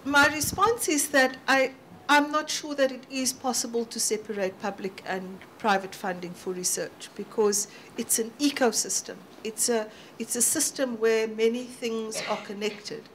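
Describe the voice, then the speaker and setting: A woman with a high voice answers questions at a roundtable in a measured, thoughtful way. A faint background hiss sits under her voice. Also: fairly even intonation, a bit bright. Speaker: panelist.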